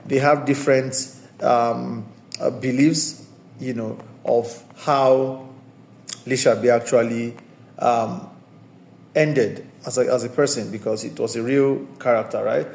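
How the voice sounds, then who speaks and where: A man's voice: mid-range voice, steady tone, slow pace, vocal fry, darkish tone, slight background noise. A man giving a casual, discursive spoken movie review as the host of his own channel, often circling back to restate his points. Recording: roomy echoey room sound.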